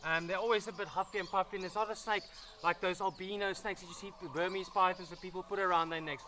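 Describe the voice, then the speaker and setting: A man's voice: high voice, steady tone, fast talker, sharp tone. A man presenting a casual wildlife vlog outdoors at an animal sanctuary, chatty and enthusiastic as he handles a large snake.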